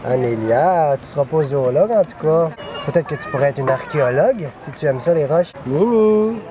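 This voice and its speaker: A woman's voice: deep voice, animated, normal speed, highs cut off. A woman with a Quebec French accent filming a family zoo outing, cooing and narrating to her young children. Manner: cooing, sing-song talk to toddlers. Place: outdoors at a busy zoo. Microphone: handheld camera. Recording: loud crowd chatter outdoors.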